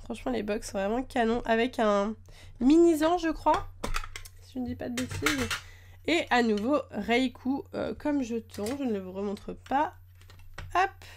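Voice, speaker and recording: Chatty woman, slightly high voice. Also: animated, a little slow, slight background noise. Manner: chatty, gushing over cute cards. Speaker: card-opening YouTuber. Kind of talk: casual chat while unboxing. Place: at a desk.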